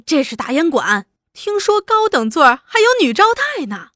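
A woman's voice: high-pitched, sing-song, moderate pace, a bit bright, no echo, studio quality, voice pushed up. A woman reading a storybook voices a worldly young man who talks in a sly, gossipy way about the town's seedy spots.

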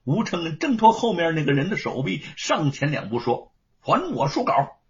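A man narrating a story in a dramatic, expressive storytelling style. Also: fairly high pitch, moderate pace. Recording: dull lo-fi recording.

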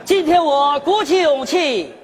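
An actor playing an earnest, theatrical young suitor, in a stage sketch. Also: male voice, very high voice, unhurried, long reverb tail, a faint crowd, a little hiss or hum. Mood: declaring. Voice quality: overly formal, dramatic, lively.

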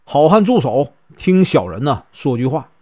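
Humble deferential storybook man; male reader, slightly high voice. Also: sing-song, moderate pace, darkish tone, dry recording, clean studio sound. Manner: humble, pleading.

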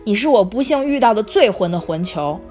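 A woman's voice: fairly high pitch, sing-song, fairly quick, faint music behind, pitched above the performer's own voice. A woman voicing a clever, bossy teenage schoolgirl in an audiobook reading, lecturing her friends point by point. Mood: scolding. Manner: lecturing, explains feelings point by point. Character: clever bossy teen schoolgirl, brisk know-it-all.

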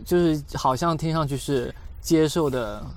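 A man's voice: on the high side, normal speed. Teasing man in casual podcast talk. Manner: teasing, fussy about pronunciation. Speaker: podcast co-host.

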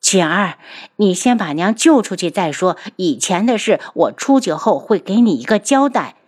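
A woman's voice: on the low side, big pitch swings, moderate pace, darkish tone, slightly rough. A woman voicing an imprisoned princess who pleads urgently with her son to free her. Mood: pleading. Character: desperate imprisoned princess mother, ruthless.

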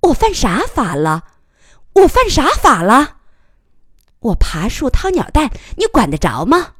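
A woman voicing a feisty, sharp-tongued young woman journalist who fires back in rapid retorts. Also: fairly low pitch, very animated, dry recording, studio quality. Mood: furious.

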